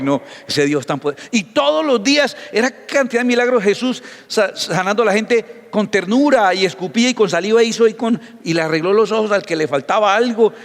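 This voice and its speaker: Pastor, animated storyteller, slightly high voice, long hall echo. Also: male voice. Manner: animated storytelling with acted dialogue. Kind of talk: sermon.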